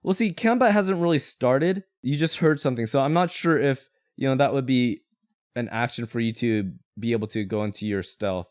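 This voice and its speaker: A man's voice: medium pitch, moderate pace, a little mellow, no echo, clean studio sound. A man working as game master, casually narrating a tabletop game in an explanatory, rambling way.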